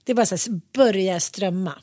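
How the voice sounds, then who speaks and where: A woman's voice: medium pitch, mellow, no room sound, studio quality. A woman from Sweden, telling a personal story in casual chat, acting out quoted dialogue with laughs. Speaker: podcast co-host.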